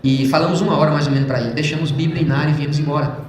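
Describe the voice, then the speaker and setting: A man giving an emotional church testimony, speaking fervently to the congregation and swinging between loud and hushed passages. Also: fairly high pitch, steady tone, racing, slight background noise. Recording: very echoey church hall.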